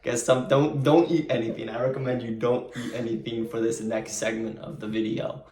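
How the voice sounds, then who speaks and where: A man's voice: medium pitch, level tone, a little fast, a little mellow, a little hiss or hum. A young man co-hosting casually, making joking asides to the viewers. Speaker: co-host, husband. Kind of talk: casual chat. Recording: echoey room.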